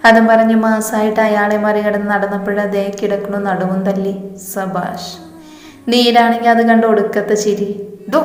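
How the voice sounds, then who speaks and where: A woman tells a romance story and voices all of its characters in her own plain speaking voice. Her pitch barely moves, so the delivery stays flat and even throughout. The recording is roomy, with a long reverb trailing each phrase.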